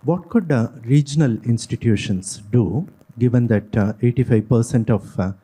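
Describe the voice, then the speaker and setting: A man in the audience asking the panel a question, soft-spoken and halting. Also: medium pitch, slightly rough. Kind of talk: question from the floor.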